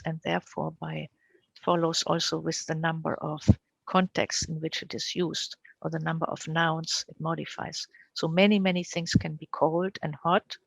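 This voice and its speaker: Lady talking over a video call, gravelly voice, dry sound, lots of ums and "right?". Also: on the low side, no room sound, low-quality recording. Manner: thoughtful, many fillers and "right?" tags. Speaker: invited speaker. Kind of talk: answering audience questions.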